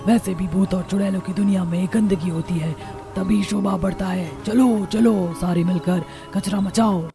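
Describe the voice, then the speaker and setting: A woman's voice: mid-range voice, fairly even intonation, normal speed, vocal fry, over music, lightly acted. A woman voicing a cruel female witch in a cartoon, bossy and scornful. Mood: rowdy. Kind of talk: cartoon voice acting.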